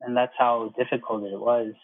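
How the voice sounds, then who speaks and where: An American air traffic controller in his thirties talks casually as an interview guest, explaining things haltingly and frequently rephrasing. His mid-range voice is flat, and the dry recording has phone-like quality.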